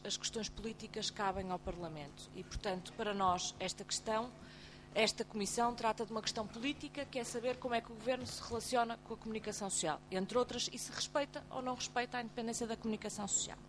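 A woman with a European Portuguese accent questions a witness in a parliamentary hearing. Her voice sits a little high, and her delivery is composed and precise. A faint hiss runs in the background. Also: fairly even intonation, quick pace. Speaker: member of parliament.

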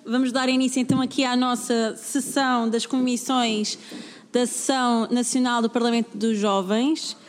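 A woman's voice: on the high side, level tone, normal speed, long reverb tail. A woman in her thirties with a European Portuguese accent chairs a formal youth parliament committee session in a friendly, practical way, with many fillers. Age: 30s. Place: large parliament chamber.

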